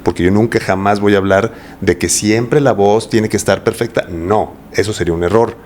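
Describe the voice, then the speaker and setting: A reflective man with a Mexican accent and a fairly low voice, talking things through in a relaxed interview. A faint hiss sits behind him, and he often pauses to ask his listener rhetorical questions. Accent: Mexican Spanish. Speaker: voice coach guest. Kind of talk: casual podcast interview.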